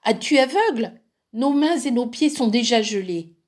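A woman voicing two spiteful young sisters freezing in a forest, shrill and quarrelsome. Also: a little slow, a little mellow. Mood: cross, freezing.

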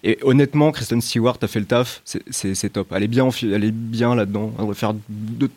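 A man's voice: medium pitch, fast talker, darkish tone. A man giving a casual film review around a table, chatty and hesitant, with many restarts and fillers. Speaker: film critic.

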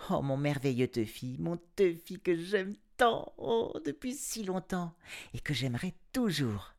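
Man playing a young girl, high and pleading, tender, storybook voice, lively swings. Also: moderate pace. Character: young girl, devoted to her lost cat.

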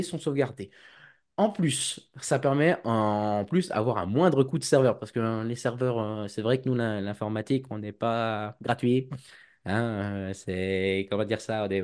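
A man chats loosely about his work in computer security. His voice sits at an ordinary middle pitch, and he wanders through restarts and quick mimicked exchanges. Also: a little mellow. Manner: rambling, with restarts and playful acted quotes. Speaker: IT and cybersecurity guest. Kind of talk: casual podcast chat.

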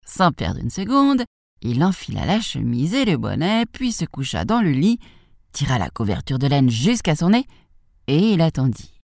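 A woman reading a fairy tale aloud for young children, in a lively, expressive way. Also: sits low, normal speed, creaky, no echo, studio quality. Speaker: storyteller.

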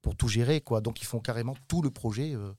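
A middle-aged man from southwest France talks through an interview as a talent agent. He stops, hedges and restarts often, his voice sitting at an ordinary pitch. The sound is dry and close, with no room around it. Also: quick pace, warm tone, no echo. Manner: hesitant, many fillers and restarts. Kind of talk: casual interview talk.

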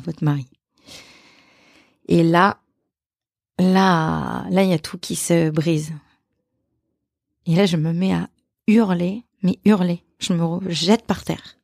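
A woman, an actress and author, telling a personal story as a podcast guest, halting and repeating her phrases. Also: lowish voice, gravelly, a little mellow, dry recording, studio quality.

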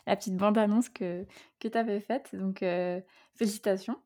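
A woman's voice: medium pitch, steady tone, normal speed, dark tone. A woman hosting a casual podcast interview, chatty and laughing easily, with lots of fillers. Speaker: podcast host.

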